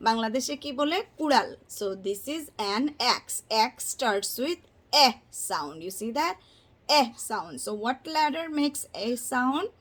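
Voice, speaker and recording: Teaching children their letter sounds, this woman with a Bangladeshi accent speaks slowly, drawing out and repeating words in sing-song fashion and mixing English with Bangla. Her high-sitting voice is animated and a bit bright.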